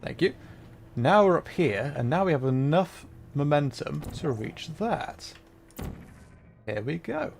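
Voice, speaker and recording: Streaming a puzzle game, this man jokes at his own expense and thinks out loud in small repeated phrases. He speaks slowly but very animatedly, with a slightly high voice, vocal fry and slight background noise.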